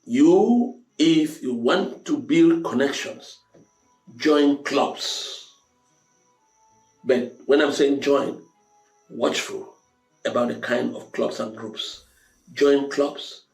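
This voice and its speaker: This motivational talk show host's voice is medium in pitch, gravelly and a little mellow. He delivers an emphatic, preacherly monologue to his audience, driving points home through repetition. There's roomy echo and music underneath.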